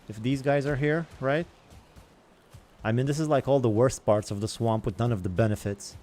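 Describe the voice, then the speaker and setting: A man's voice: medium pitch, moderate pace, darkish tone, slight background noise. A young man hosting a gaming channel, rambling in casual chatter as he plays and comments on other games.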